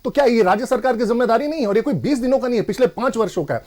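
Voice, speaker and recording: Insistent high-voiced male debate panelist. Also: animated, racing. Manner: forceful, insistent, refuses interruption. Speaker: opposition party spokesperson. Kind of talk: TV debate argument.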